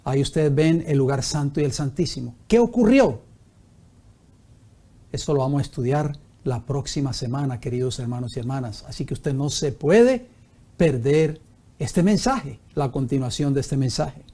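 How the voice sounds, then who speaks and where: Preaching man, rhetorical and mellow. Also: medium pitch, animated, moderate pace. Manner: preaching with rhetorical questions, reading scripture aloud. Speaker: pastor. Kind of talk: Bible study sermon on TV.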